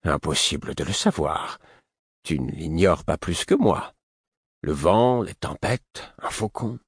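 A man voicing an older male spymaster who speaks in a measured, ironic way, in an audiobook. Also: sits low, lively intonation, husky, no echo, clean studio sound, exaggerated voice. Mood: wry.

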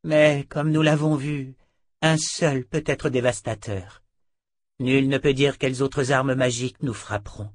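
A man's voice: mid-range voice, fairly even intonation, measured pace, no echo, voice pushed up, lightly acted. A man voicing a weary, grave sorceress in a fantasy audiobook, lecturing somberly.

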